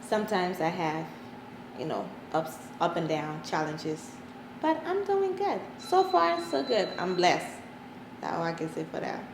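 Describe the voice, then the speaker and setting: A woman's voice: fairly low pitch, lively intonation, unhurried, vocal fry, noisy background. Earnest Liberian woman in a roomy space. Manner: earnest and determined, repeats for emphasis. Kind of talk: casual interview answers.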